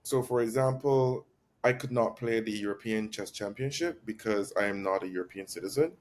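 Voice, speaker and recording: A man from Barbados, a chess master guest, explaining things in a measured way with frequent ums and restarts. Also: fairly low pitch. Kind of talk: explanatory interview talk. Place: Barcelona.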